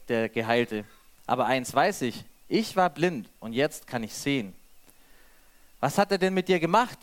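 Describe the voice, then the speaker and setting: Preacher man, higher voice. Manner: reads scripture aloud then preaches freely with restarts. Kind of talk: sermon with scripture reading.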